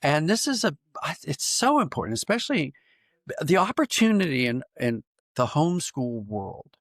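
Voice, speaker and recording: This Pennsylvania-born American writer and audio drama producer talks as a guest on a podcast, his fairly high voice swinging widely in pitch at a moderate pace. His tone is a little bright, and the studio audio is clean with no room sound. The reflective interview finds him explaining things thoughtfully and now and then repeating phrases while he reasons aloud.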